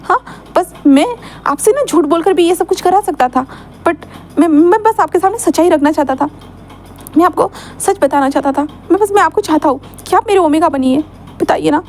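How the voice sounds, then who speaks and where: A woman voicing a gentle young man who speaks softly and reassuringly to someone he loves. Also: very high-pitched, moderate pace, a little hiss or hum. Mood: persuasive. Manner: soft, calm, reassuring. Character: gentle young man, soothing and devoted suitor.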